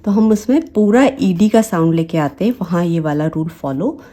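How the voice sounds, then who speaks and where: A woman with a Hindi accent, teaching English phonics. She says each example word slowly and repeats it several times. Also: fairly low pitch, expressive, mellow. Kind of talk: slow, deliberate teaching with repeated example words.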